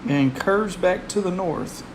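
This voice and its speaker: Slow-paced man over a loud steady hum. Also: high voice. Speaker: weather live streamer. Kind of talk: casual live weather commentary.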